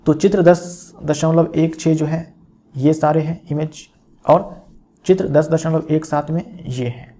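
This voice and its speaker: A man's voice: on the high side, fairly even intonation, measured pace, mellow. A male teacher explaining a physics lesson, repeating key phrases and checking in with his students as he goes.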